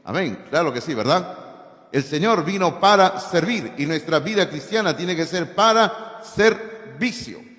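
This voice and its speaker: An emphatic male pastor delivering a sermon, often hesitating on "eh" and calling for amens. His voice sits slightly high. The sound rings with the long reverb of a church hall. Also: lively intonation, unhurried, a bit bright. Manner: emphatic, calls on the congregation for amens; frequent "eh" fillers. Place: church sanctuary.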